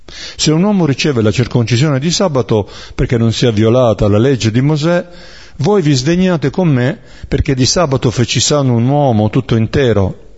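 A man teaches a Bible study in a mid-pitched voice, reading the passage aloud before explaining it. He talks in a measured way, pausing and restarting as he searches for the right words. The recording sounds somewhat dull and lo-fi. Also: animated, a little mellow.

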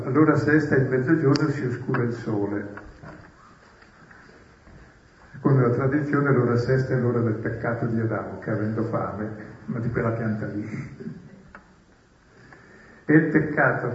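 A man's voice: medium pitch, a little hiss or hum. Distant-sounding man preaching on scripture. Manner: rhetorical questions, wry humour. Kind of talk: spoken Bible commentary. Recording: roomy, distant and dull.

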